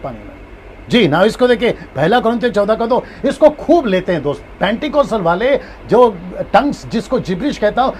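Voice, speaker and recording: A man's voice: high-pitched, fairly quick, a little hiss or hum. A man, a pastor, giving a live-streamed Bible lesson who repeats his points and acts out different tones of voice. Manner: repeats key points, animated with acted tones.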